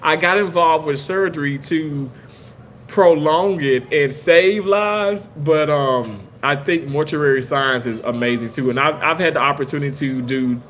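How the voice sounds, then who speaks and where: A man in his late thirties, a surgical assistant, telling stories in a rambling, animated way with many restarts. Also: on the high side, unhurried, slight background noise. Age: 30s. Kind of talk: casual storytelling monologue.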